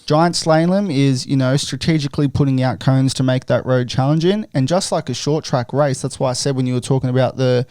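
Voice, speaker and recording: A young man hosting a laid-back podcast, his voice smooth and resonant at an ordinary middle pitch. He rambles along with plenty of fillers, and the recording sounds close and dry. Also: fairly quick, few pauses, darkish tone, dry recording. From Australia. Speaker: podcast host. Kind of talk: casual chat.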